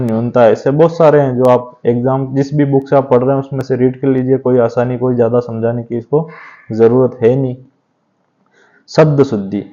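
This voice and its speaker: A man's voice: medium pitch, warm tone. A man teaching an exam revision lecture on grammar, explaining steadily and often checking in with a tag question. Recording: dull lo-fi sound.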